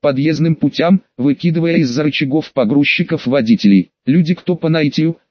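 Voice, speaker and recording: A man narrating an audiobook in a steady, measured reading, in short phrases. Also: on the high side, dry recording. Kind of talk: scripted narration. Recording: dry, slightly dull audio.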